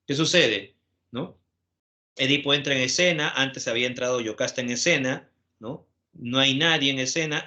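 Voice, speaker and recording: With a mid-range voice, the teacher gives an energetic lecture to his class, repeatedly slipping in tag questions to confirm everyone is keeping up.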